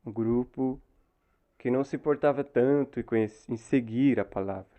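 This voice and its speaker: Brazilian guy teaching bible to new believers, mellow voice, keeps checking in w/ little tag questions. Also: medium pitch, moderate pace. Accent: Brazilian Portuguese. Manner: explanatory, tags phrases with frequent "né?".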